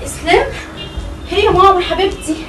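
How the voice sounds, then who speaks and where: A sugary, two-faced young Egyptian wife who gushes endearments at great speed, played by a woman. Her voice is very high. She is heard from off-mic in an echoey room, with clear noise behind her. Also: recorded from a distance. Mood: fawning. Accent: Egyptian Arabic. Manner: fawning and over-sweet, quick to deny.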